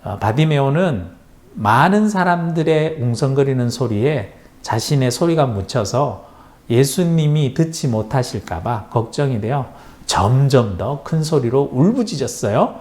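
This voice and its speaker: Lively storytelling man, children's sermon. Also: medium pitch, unhurried. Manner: animated storybook telling with sound words. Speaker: pastor.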